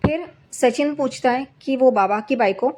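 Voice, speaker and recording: A woman's voice: moderate pace, darkish tone, a little hiss or hum. Chatty woman retelling a drama. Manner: conversational, reads characters' quotes with slightly raised pitch. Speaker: serial recap narrator. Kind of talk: casual spoken retelling of a TV serial episode.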